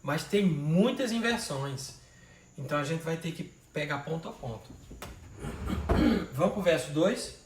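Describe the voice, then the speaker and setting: A man's voice: on the high side, animated, unhurried, long pauses. A male literature teacher giving an informal poetry lesson, patiently splitting verses into syllables and counting them aloud. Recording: roomy sound, mic at a distance, faint noise.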